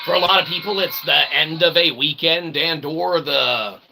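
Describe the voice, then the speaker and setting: Speaking at normal speed in a fairly high voice, a man hosts a comedy show with a showman's theatrical flair. His comic monologue to the audience wanders through wordy, mock-formal phrases and recurring catchphrases, all on a clearly noisy recording.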